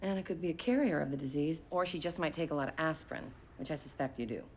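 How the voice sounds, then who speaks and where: A woman's voice: sits low, fast, darkish tone, a little hiss or hum. An actress playing a dry, wry female doctor in a period TV drama.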